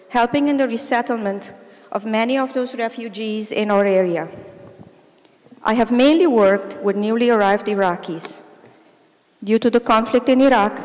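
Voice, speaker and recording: A middle-aged woman delivers a prepared speech in measured, formal short phrases. Her voice sits a little high. The long reverb of a large hall trails after each phrase. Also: darkish tone. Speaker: volunteer speaker.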